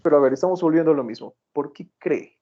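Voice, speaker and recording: Gravelly lecturing man, dull call audio. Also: a little high, fast, dark tone. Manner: probing, repeats questions, tells anecdotes. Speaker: medical lecturer. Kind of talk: online class discussion.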